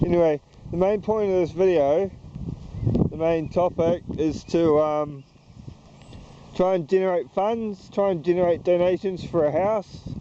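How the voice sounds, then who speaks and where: Walking around town outdoors, this New Zealand-accented man vlogs to the camera as a YouTuber, rambling in a hesitant, halting, slow and meandering way. His voice is high. The audio is muffled and the background is noisy.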